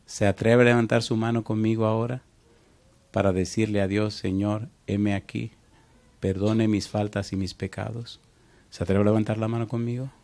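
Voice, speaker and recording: A man's voice: on the low side, flat delivery, normal speed. Dynamic storytelling male preacher. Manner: storytelling preacher, swings from soft to loud exclamations; asks the congregation direct questions. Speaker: pastor. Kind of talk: sermon.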